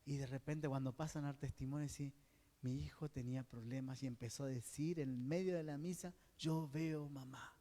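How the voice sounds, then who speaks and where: A man's voice: mid-range voice, fairly even intonation, fairly quick, mellow. An Argentine man leading a religious teaching session in a preacherly style. He keeps checking in with his listeners and answers his own questions. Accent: Argentine Spanish. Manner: keeps checking in with the group by asking "¿Sí?"; poses questions to the group and answers them himself. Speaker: diocesan coordinator teaching a course. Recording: long hall reverb.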